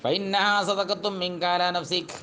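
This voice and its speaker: A man teaching a classical religious text, reading Arabic slowly and then explaining in quick colloquial speech. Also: high voice, fairly even intonation, pushed and bright, a little hiss or hum.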